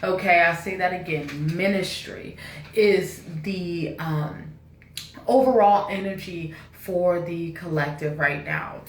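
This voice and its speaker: Woman, spiritual reader, casual channeled message, lowish voice, echoey room, distant mic. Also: takes it slowly, a little hiss or hum. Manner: relaxed, repetitive, preachy.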